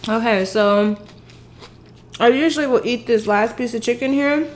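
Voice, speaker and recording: A woman's voice: on the high side, normal speed, a little hiss or hum. A woman chatting casually to the camera in a rambling way as she hosts an eating show, eating crunchy fried chicken as she talks. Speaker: mukbang host.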